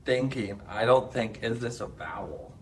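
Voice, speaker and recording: A man's voice: mid-range voice, lively intonation, a little slow, a little hiss or hum. A young man in his twenties co-hosting a podcast, chatting casually in a hesitant, rambling and jokey way. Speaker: podcast co-host. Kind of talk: casual chat.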